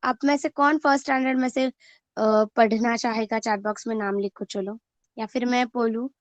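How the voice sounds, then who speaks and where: Over an online class for first graders, a woman teacher speaks in a slightly high voice with fairly even intonation. She drills words slowly and clearly, syllable by syllable, asking the children questions she then answers on her own. The recording has no echo.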